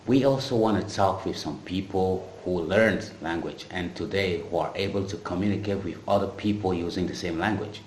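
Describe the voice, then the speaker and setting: A man's voice: low-pitched, darkish tone, echoey room, slight background noise. A man from Africa giving a patient English lesson, explaining in French and English and repeating key phrases. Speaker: English teacher. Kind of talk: bilingual language lesson.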